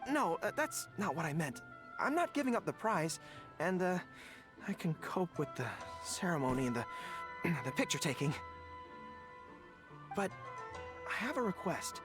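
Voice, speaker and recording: Boyish, dutiful young soldier, easily flustered, lively pitch swings, game dialogue over music. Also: female voice, unhurried, long pauses. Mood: awkward, hesitant. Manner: hesitant, stammering when flustered. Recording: music behind the voice.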